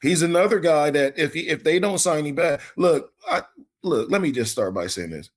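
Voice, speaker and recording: A man's voice: on the high side, animated, normal speed. A man co-hosting a fantasy football podcast in casual, folksy chat, often repeating words as he starts a thought. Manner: laid-back, folksy, repeats himself when starting a thought. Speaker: podcast co-host.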